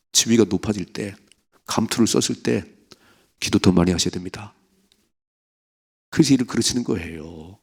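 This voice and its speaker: A man's voice: mid-range voice, gravelly, breathy edge. A male pastor giving an emphatic sermon at an early morning prayer service, exhorting the congregation with rhetorical questions.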